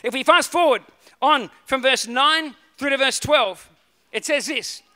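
A man preaching a sermon, reading scripture and telling a lively personal story. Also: extremely high pitch, measured pace. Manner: storytelling, animated asides. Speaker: pastor.

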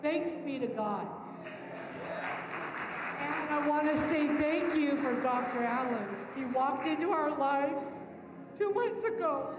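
A middle-aged woman giving an emotional, heartfelt thank-you speech and telling a story as a mother. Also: sits high. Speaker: award recipient's mother. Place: banquet hall stage, indoors. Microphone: handheld microphone through PA. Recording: distant echoey hall, muffled, noisy.

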